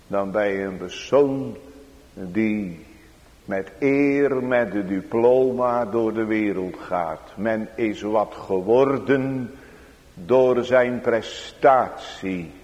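A man's voice: fairly low pitch, extremely slow, darkish tone. A man preaching a sermon in a church, speaking solemnly with sudden raised emphatic passages. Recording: dull sound with long hall reverb.

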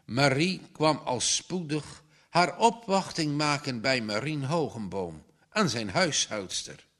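Slow expressive male story reader. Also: medium pitch. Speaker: narrator. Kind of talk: storybook reading.

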